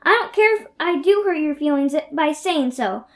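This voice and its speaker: A fiery, imaginative orphan girl with a high, bright voice, as a young woman plays her. She gushes dreamily, then flares into shouting rage in a radio play. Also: normal speed, close to an everyday voice. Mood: furious. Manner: dreamy then explosively furious.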